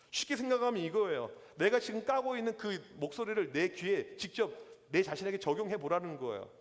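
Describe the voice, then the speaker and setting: Animated young pastor preaching in a hall. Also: male voice, sits high. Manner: lively storytelling with acted-out quotes. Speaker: youth pastor. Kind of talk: sermon. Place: church hall. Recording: reverberant church hall.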